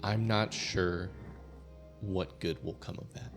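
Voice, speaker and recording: A man playing in a tabletop role-playing game, speaking and reading aloud in a measured, grave way. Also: deep voice, soft background music. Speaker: player.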